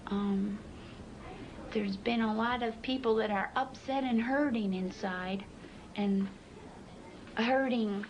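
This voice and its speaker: A woman therapy patient speaking softly in unhurried, childlike wording. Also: a little high, muffled recording, a little hiss or hum.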